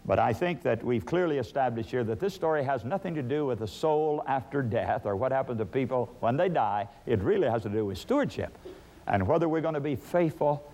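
A man's voice: mid-range voice, animated, brisk, dark tone. A man preaching a sermon, emphatic, asking and answering his own questions.

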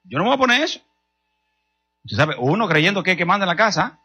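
A man's voice: high-pitched, sing-song, fast, sharp tone, faint music behind. A middle-aged man with a Dominican accent, preaching a sermon with humor and telling stories straight to the congregation. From Dominican Republic. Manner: humorous, storytelling, addressing the congregation directly. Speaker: pastor.

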